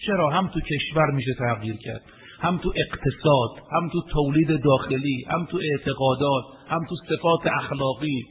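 A man preaching a sermon, asking rhetorical questions, reciting Arabic verses and addressing his listeners fondly. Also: fairly high pitch. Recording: echoey hall over tinny phone-like line, faint hiss.

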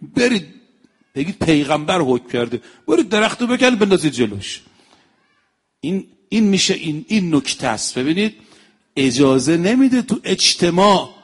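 Animated male preacher. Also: breathy edge. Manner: animated, acts out quoted dialogue with shifting pitch and loudness. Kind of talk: religious lecture with storytelling.

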